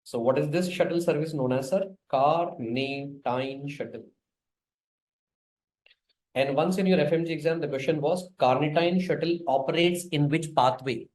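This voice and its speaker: This fairly high, darkish-toned male voice with an Indian accent moves at a normal speed through an informal biochemistry exam-prep talk. He's emphatic and repetitive, code-switches into Hindi, and tacks questions onto phrases.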